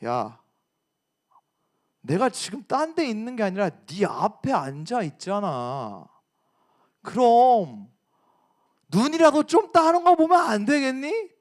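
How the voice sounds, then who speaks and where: A smug teenage boyfriend, as a preacher acts him out, drawn-out and scornful. His voice rises and falls widely as he brushes off his girlfriend's complaints. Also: extremely high pitch, sing-song, heavily acted. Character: dismissive teenage boyfriend, self-justifying.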